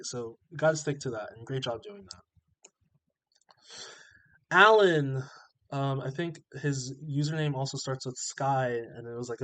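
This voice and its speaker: On a roughly recorded clip, a mid-range-voiced man running a trading channel goes through viewer comments with a stuffy, sniffly nose, encouraging and reassuring them in a relaxed manner.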